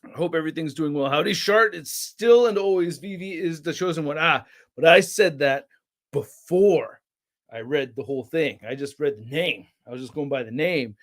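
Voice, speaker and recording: A man's voice: a little high, normal speed. Chatty man hosting a livestream. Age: young adult. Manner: rambling, reads chat names aloud, excitable bursts. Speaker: toy channel livestream host. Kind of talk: casual livestream chat.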